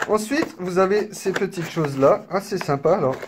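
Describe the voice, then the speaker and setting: A man casually presenting a collector's edition, chatty and apologetic, filling pauses with little interjections. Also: high voice, noisy background. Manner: unhurried, chatty, filler-heavy with frequent "hop" and "donc"; apologetic and self-deprecating. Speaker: unboxing video creator. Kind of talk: casual unboxing commentary. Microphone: camera mic, filming one-handed.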